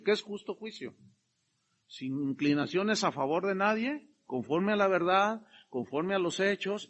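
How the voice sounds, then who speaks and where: A middle-aged pastor preaching with a high, bright voice. His pitch leaps around as he stresses points and briefly acts out the people he quotes. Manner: animated, emphatic, acts out quotes. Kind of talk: sermon.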